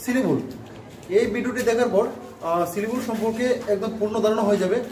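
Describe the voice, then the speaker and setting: High-voiced male teacher in a roomy space. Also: fairly quick, darkish tone. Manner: repetitive, frequent filler "ah", checks "okay?". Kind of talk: grammar lesson explained in Bengali. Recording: roomy, distant mic, faint background noise.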